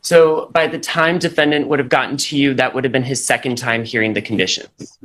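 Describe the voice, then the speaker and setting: Prosecutor, man, formal and measured, captured on courtroom audio. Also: medium pitch, fairly even intonation, fairly bright tone. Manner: formal, measured legal phrasing. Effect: courtroom recording. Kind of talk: reading charges and questioning a witness in court.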